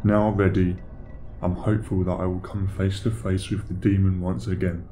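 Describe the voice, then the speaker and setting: Male horror narrator, low voice, unhurried, somber scripted read, faint hiss behind. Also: level tone, mellow.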